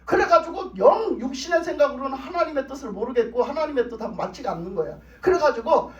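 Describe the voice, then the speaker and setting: A man's voice: extremely high pitch, animated, quick pace. A man preaching a revival sermon in an emphatic, repetitive, colloquial way in a church. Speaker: pastor. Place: church sanctuary. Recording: roomy dull sound, mic at a distance.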